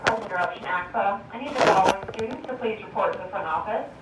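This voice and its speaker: A woman's voice comes through a school intercom loudspeaker, reading a list of names in an announcing tone. It sounds distant and echoey in the room. A faint hiss sits under it. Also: mid-range voice, quick pace. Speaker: school office staff making an announcement.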